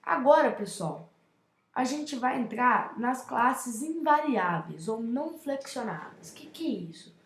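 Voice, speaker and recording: A woman's voice: high voice, animated, measured pace, a bit bright. A young woman with a Brazilian Portuguese accent explaining grammar in a casual classroom style, often checking in with her listeners. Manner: chatty, addresses viewers with frequent check-ins. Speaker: teacher presenting a grammar lesson. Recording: echoey room.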